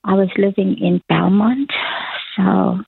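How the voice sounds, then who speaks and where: A South African woman in her sixties tells her life story as an interview guest, chatty and rambling and laughing often. Her mid-range voice is slow, creaky and slightly rough. The casual testimony comes over a tinny phone line with no echo.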